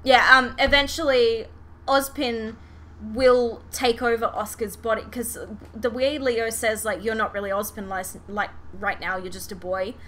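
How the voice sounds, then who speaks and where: Speaking at a measured pace in a fairly high voice, this woman hosts a casual podcast about a fandom. Her retelling is animated, giggly and full of swearing, and background noise is clearly audible.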